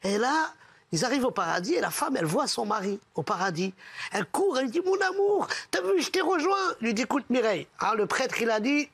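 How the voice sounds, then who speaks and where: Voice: mid-range voice, expressive, fast, a bit bright, husky, dry recording. A person telling jokes casually among friends, switching voices for each character. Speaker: joke teller.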